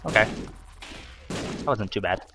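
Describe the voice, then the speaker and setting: A man's voice: on the low side, measured pace, noisy background. A young man hosting a let's play, giving wry, chatty commentary on his gameplay. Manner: wry, chatty, scolding the enemies on screen.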